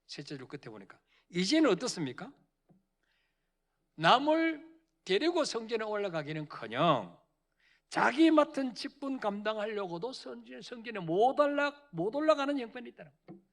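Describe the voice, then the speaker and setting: Male pastor, sermon delivery, high and animated, call-and-response. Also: moderate pace. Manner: preaching with call-and-response, dramatic quoted voices. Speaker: senior pastor. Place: church sanctuary.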